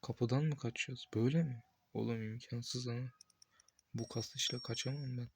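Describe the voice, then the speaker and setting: A young man playing a horror game, talking to himself with excited outbursts and cursing at the game. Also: mid-range voice, normal speed, vocal fry, a little hiss or hum. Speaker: gameplay streamer. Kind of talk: casual gameplay commentary.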